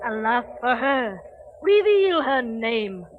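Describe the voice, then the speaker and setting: An actress playing a cold, haughty, jealous queen who gives imperious, measured commands on a dull old film soundtrack. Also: a little high, big pitch swings, slight background noise.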